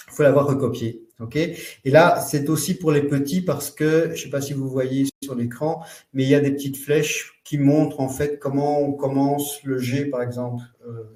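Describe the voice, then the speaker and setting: A man presenting a live online training for parents, explaining in a loose, halting way full of fillers and restarts. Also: medium pitch, fairly even intonation, a little mellow, recorded from a distance. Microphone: computer mic in a webinar. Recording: roomy echo.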